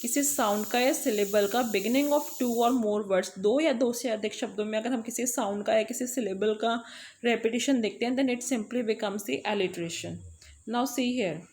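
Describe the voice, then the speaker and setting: A woman with an Indian accent teaching an English lesson, explaining slowly and repeating key points. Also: on the high side, darkish tone. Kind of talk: online lesson, mixing English and Hindi.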